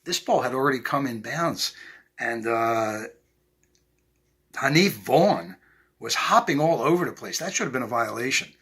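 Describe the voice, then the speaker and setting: A man's voice: medium pitch, lively intonation, moderate pace, pauses often, fairly bright tone, slightly rough. An older man, a former referee, hosting a replay show and recapping game stats in a matter-of-fact way with many fillers.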